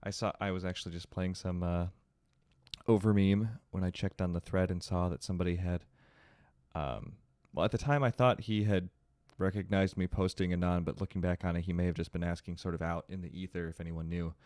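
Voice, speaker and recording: A man hosting a storytelling show, reading a horror story aloud with a slight lisp from rubber bands in his braces, after a slow, dramatic opening and some rambling, casual chat. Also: low-pitched, steady tone, a little mellow, no echo. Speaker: storytelling host.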